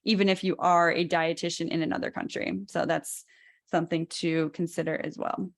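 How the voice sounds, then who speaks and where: Host type: Chicago woman in her thirties, a bit low-pitched, explains casually with lots of ums and restarts. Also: level tone, normal speed. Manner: chatty, many fillers and restarts. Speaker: host, dietitian educator. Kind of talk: casual informational talk.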